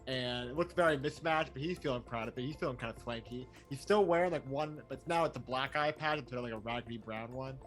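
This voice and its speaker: A man's voice: mid-range voice, fast, few pauses, fairly bright tone, faint music behind. A man playing a tabletop game, describing his character in a rambling way full of fillers. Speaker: player. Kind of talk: casual tabletop role-play.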